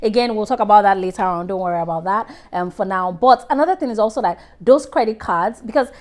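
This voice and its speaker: A woman's voice: mid-range voice, fast talker, darkish tone. A woman giving casual money advice to camera in a direct, chatty way, often restarting her sentences and calling on viewers by name. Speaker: personal finance vlogger.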